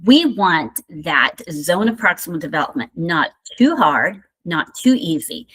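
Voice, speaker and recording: A woman's voice: lowish voice, expressive, measured pace, fairly bright tone, slightly rough. A middle-aged woman with a Southern American accent, giving a recorded university lecture in a conversational way with many fillers and asides. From Indiana. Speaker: university instructor.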